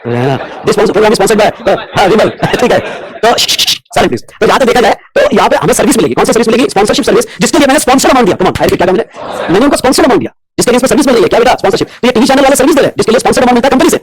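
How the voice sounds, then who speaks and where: Fast-talking, husky male teacher. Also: extremely high pitch, expressive. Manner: rapid mix of Hindi and English, constantly checking whether students follow. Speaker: commerce teacher. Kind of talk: classroom lecture on tax law. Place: classroom with students.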